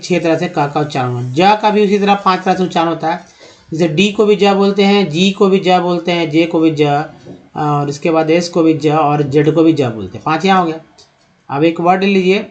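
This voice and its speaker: A man teaching English pronunciation in a lesson, speaking slowly, spelling out letters and asking his viewers questions. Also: on the high side. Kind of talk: Hindi-language pronunciation lesson.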